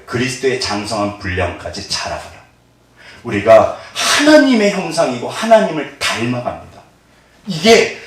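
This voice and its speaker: Give me a middle-aged pastor preaching an animated, joking sermon in a reverberant church hall, heard from a distance. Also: male voice, on the high side. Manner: animated, asks the congregation call-and-response questions; jokes and laughs often. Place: church sanctuary. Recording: echoey hall, mic at a distance.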